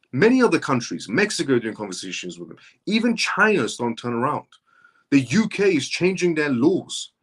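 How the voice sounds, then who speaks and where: A man in his thirties hosting a live stream, answering viewer comments and making his points in an emphatic, repetitive, insistent way. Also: mid-range voice. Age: 30s. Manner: reads viewer comments aloud and answers them.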